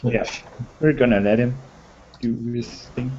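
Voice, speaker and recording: A man chats casually on a group video call and makes dry, matter-of-fact remarks at a middle pitch. The call audio sounds dull and lo-fi, with a faint hiss in the background. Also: fairly even intonation, unhurried. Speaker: hangout participant.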